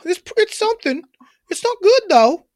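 A chirpy, overdone British lady squeaks through a clumsy put-on British accent, as a woman hams it up. The voice jumps far above her normal range and swoops around wildly. The sound is dry and close. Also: big pitch swings, normal speed, darkish tone, no room sound. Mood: mock posh. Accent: put-on British, badly done. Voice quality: high, squeaky, exaggerated.

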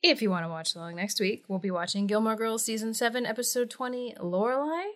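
A woman co-hosting a podcast in casual chat, animated and teasing, laughing often. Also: on the high side, quick pace. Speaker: podcast co-host.

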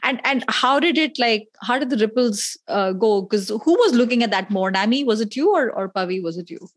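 A woman hosting a casual interview, candid and animated, often checking in with "right?". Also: fairly high pitch, brisk, no echo, studio quality. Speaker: podcast host.

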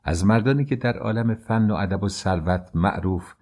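Deep-voiced man narrating a novel. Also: a little mellow. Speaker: audiobook narrator. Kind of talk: literary audiobook narration.

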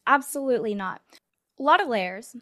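A woman's voice: fairly high pitch, expressive, moderate pace, sharp tone. A woman co-hosting a podcast, telling a story in casual chat with lots of fillers and restarts. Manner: rambling, filler-heavy storytelling. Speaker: podcast co-host.

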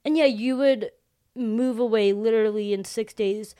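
A woman's voice: fairly high pitch, moderate pace, warm tone, clear, resonant tone. A young woman hosting a podcast, chatting casually and supportively, laughing easily. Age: young adult. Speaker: podcast host. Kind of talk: casual chat.

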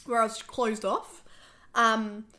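A young woman hosting a podcast, her voice bright and sharp and set a touch high. She talks in a chatty, confessional way full of fillers, and her voice is a bit worn as she loses it. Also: level tone, takes it slowly. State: losing her voice. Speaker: podcast host. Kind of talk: casual podcast chat.

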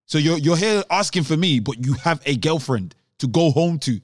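A man's voice: on the high side, animated, normal speed, no echo, clean studio sound. A young man with a London urban roadman accent, chatting casually on a podcast in a slangy, emphatic, argumentative way. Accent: London urban roadman (Multicultural London English). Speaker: podcast co-host.

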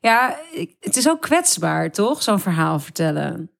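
A woman's voice: on the low side, big pitch swings, measured pace, gravelly. A woman interviewer asking questions with short, affirming replies. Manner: affirming, short responsive remarks. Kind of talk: interview conversation.

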